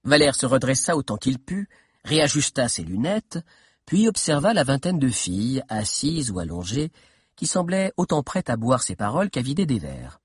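A man narrating a story expressively in an audiobook, with a husky voice. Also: mid-range voice, big pitch swings, normal speed, no echo, studio quality.

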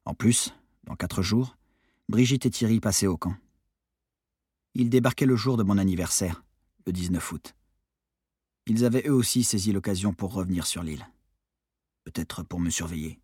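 A man reading a novel aloud as a calm, quiet first-person narrator. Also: low voice, normal speed, pauses often, husky, no room sound, clean studio sound. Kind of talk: audiobook narration.

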